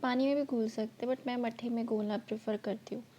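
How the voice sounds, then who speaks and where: A woman's voice: fairly high pitch, fairly even intonation, fast talker, warm tone. A woman narrating her cooking vlog, explaining each step in a chatty way, her throat slightly sore. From India. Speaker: vlogger.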